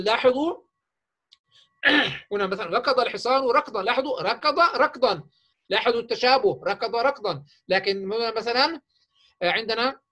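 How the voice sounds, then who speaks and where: Man, teacher trainer, workshop lecture, husky voice, halting explanations. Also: high-pitched, a bit bright. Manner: explanatory, with frequent fillers and restarts.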